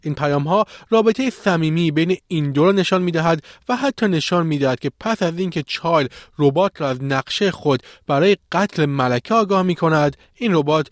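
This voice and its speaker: A man's voice: on the high side, animated, hardly any pauses, dry recording. A man presenting technology news in a scripted reading style, close to the microphone.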